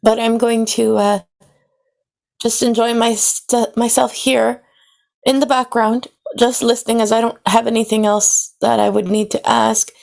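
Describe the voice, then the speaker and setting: A woman's voice: a little high, little pitch movement, measured pace, vocal fry, darkish tone. A young adult woman chatting casually, hesitant and full of fillers as she says she will sit in and listen. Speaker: listener sitting in. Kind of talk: casual chat.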